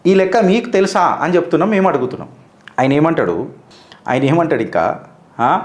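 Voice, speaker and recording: A man's voice: a little high, animated, fairly quick, reverberant. A man giving combative political commentary, firing rhetorical questions straight at the person he criticizes.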